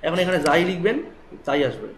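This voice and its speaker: A man with a Bangladeshi Bengali accent teaching a live web development class, explaining quickly and often checking that students follow. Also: on the high side, expressive, slight background noise. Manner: rapid, explanatory, asks students checking questions. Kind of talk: live classroom coding lesson. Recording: echoey room with faint ambience.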